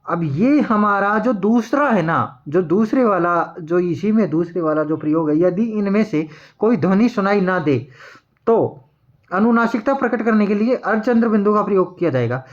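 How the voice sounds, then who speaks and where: A man teaching Hindi grammar, repeating each word slowly and answering his own questions as he writes. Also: high voice, expressive, lo-fi sound. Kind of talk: classroom lesson at a board.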